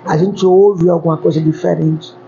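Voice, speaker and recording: A woman's voice: fairly low pitch, fairly even intonation, normal speed, creaky, warm tone, soft background music. A woman, a hair stylist, telling stories in an interview and repeating words for emphasis. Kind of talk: interview storytelling. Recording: dull lo-fi recording, faint background noise.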